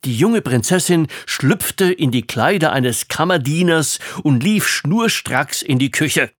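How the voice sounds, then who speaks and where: A man tells a fairy tale slowly and playfully, with wry asides to his listeners. His pitch rises and falls a lot. The recording is close and dry. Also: expressive, no echo. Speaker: storyteller.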